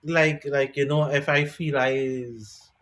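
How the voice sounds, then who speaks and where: A man hosting a music interview podcast, chatting in a relaxed, encouraging way. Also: medium pitch, takes it slowly. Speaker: podcast host and DJ. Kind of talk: casual interview chat.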